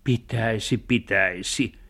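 A man's voice: lowish voice, creaky, a bit bright. A man voicing a level-headed young boy in a children's radio story, speaking in a decisive, sensible way. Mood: deciding.

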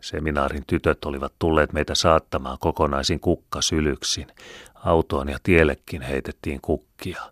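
A man reading a first-person story aloud in a measured, solemn, reflective way. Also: rumbling low, steady tone, fairly bright tone, no echo, studio quality. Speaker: audiobook narrator. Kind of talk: scripted first-person narration.

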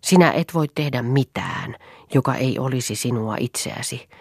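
An intense, impassioned man pleading with a woman he once knew, as a female audiobook reader puts him on. The voice is husky and breathy, set close in a dry, deadened space. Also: very deep voice, lively intonation, darkish tone, no room sound, heavily acted. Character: passionate man pleading with an old friend.

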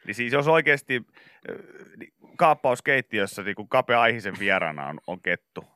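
A man's voice: mid-range voice, sing-song, no room sound, studio quality. A man co-hosting a casual morning radio show, joking and bantering with his partner. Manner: jokey, sings and shouts song intros.

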